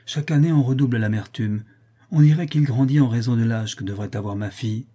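A man's voice: medium pitch, fairly quick, dark tone, natural voice. A man voicing a grieving, melancholy prince in an audiobook reading, speaking solemnly and sorrowfully. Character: grieving middle-aged prince, noble and melancholy.

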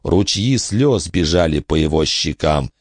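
A man narrates a horror audiobook in a low, deep voice with a lively, expressive pitch. The recording is dry and close, with no room echo. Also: a little slow. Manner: expressive dramatic storytelling.

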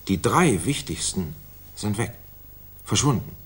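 In a 1960s German radio drama, an actor plays a smug, authoritative senior government official who talks formally and deliberately. His male voice sits on the low side, expressive with a breathy edge, in a full character voice, and the mood is grave and confidential.

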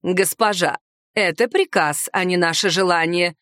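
A woman voicing a thin, calm older midwife who speaks slowly and flatly. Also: fairly low pitch, no echo, clean studio sound, pitched below the performer's own voice. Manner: slow, flat, unbothered.

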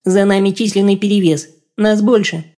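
An eerie mutant infant speaks in a thin, piping squeak, far above normal speech, and stays flat and detached as a man voices it. The tone is mellow and soft-edged. Its short lines sound cold and distant. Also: normal speed. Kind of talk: audiobook character voice.

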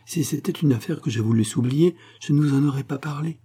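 A man voicing a calm, gentle young curate, close to his own voice. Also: fairly high pitch, breathy edge, pitched above the performer's own voice. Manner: calm, measured.

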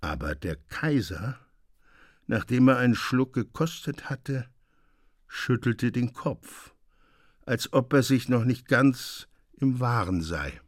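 A man's voice: medium pitch, dry recording. Male narrator reading a story, dry sound. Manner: measured, expressive storytelling. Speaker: audiobook reader. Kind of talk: literary narration.

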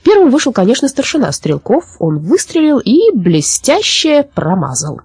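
Female audiobook narrator, children's story, expressive, breathy, dry close mic. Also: fairly high pitch, moderate pace, no room sound.

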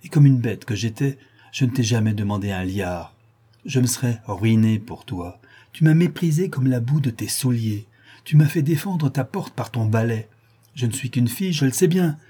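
A man's voice: medium pitch, lively intonation, normal speed, dark tone, breathy edge. A man voicing a scornful, vengeful young woman, an ex-model, mocking and menacing. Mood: bitter menacing. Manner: mocking, then bitter and menacing.

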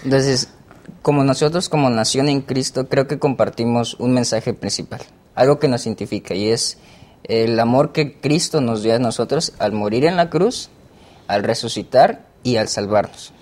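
Man, Mexican Spanish accent, panel guest, earnest, mid pitch. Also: normal speed, a little mellow. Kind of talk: casual discussion.

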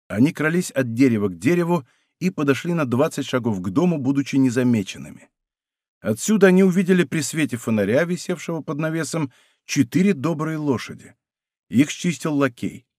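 Expressive male audiobook narrator. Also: a little high, a little fast, no echo, studio quality. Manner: expressive, dramatic reading.

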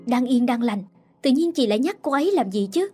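A woman's voice: high voice, lively intonation, a little fast, breathy edge, faint music behind. A woman voicing a young husband who speaks firmly and sharply to his sister, in a storybook reading. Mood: firm, angry. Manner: firm, pleading then sharp.

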